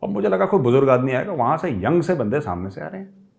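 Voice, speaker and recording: A middle-aged man hosting a show, telling a personal story in a lively way and sliding in English phrases. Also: on the high side, fast, vocal fry. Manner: lively, acts out quoted people with raised voice, mixes English phrases. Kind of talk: animated storytelling.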